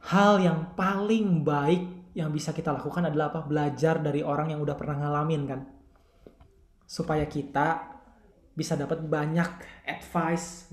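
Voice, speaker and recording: A man's voice: a little high, a little mellow. A young man with a Bandung Indonesian accent leads a casual church discipleship class, chatting with listeners and acting out bits of dialogue. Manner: conversational, acts out quoted dialogue, asks listeners questions. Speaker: youth ministry leader teaching a discipleship class. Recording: roomy echo.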